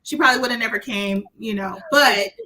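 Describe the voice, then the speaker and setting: Bright-toned woman, thoughtful and hesitant. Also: fairly high pitch, fairly quick, low-quality recording. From Arkansas. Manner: reflective, hesitant, many fillers. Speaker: guest. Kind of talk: candid casual conversation.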